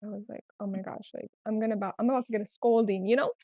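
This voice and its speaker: She fires off her words rapidly, her medium-pitched voice keeping a fairly even intonation. A podcast guest and small business owner who grew up speaking Spanish, she tells personal anecdotes casually and frankly, recorded in an echoey, slightly dull-sounding room.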